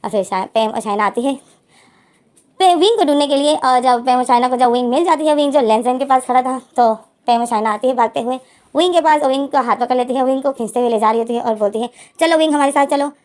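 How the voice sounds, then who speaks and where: A woman's voice: high voice, quick pace, darkish tone. A woman casually retelling a fan story, linking every line with plain narration. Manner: plain retelling, frequent "so she says" links. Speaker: fanfiction storyteller.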